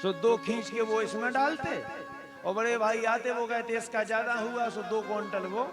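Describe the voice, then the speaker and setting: A man's voice: high voice, fairly even intonation, moderate pace, music in the background. A man preaching a devotional story sermon, folksy, acting out family members' voices. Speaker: Ram Katha preacher.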